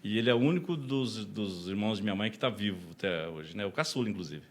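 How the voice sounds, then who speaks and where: A man's voice: on the low side, animated, fast, a little hiss or hum. Chatty Brazilian man telling stories. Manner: chatty, laughs often, many "né?" tags. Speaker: podcast guest, deacon. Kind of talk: casual interview storytelling.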